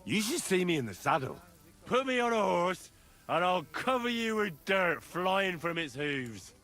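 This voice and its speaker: An actor playing a boastful, quick-tempered young man who swears freely. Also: high-pitched, sing-song, bright, forceful tone, exaggerated voice. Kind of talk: game voice acting.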